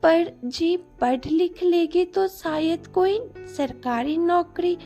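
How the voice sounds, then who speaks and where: A woman voicing a gentle, sorrowful village mother who speaks softly to console her daughter. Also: extremely high pitch, takes it slowly, soft background music, pitched above the performer's own voice, full character voice. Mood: tender. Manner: soft-spoken, consoling.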